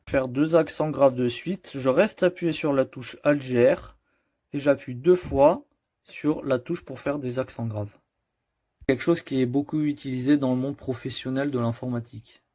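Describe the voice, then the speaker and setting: A man's voice: medium pitch, darkish tone. A man explaining keyboard shortcuts step by step in a computer tutorial, patient and addressing the viewer directly. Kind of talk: screen-recorded keyboard tutorial.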